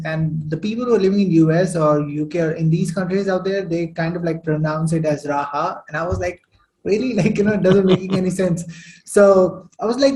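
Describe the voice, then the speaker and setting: A man's voice: sits high, darkish tone, low-quality recording. A young man from Saudi Arabia, a podcast guest telling his story in casual chat with many fillers.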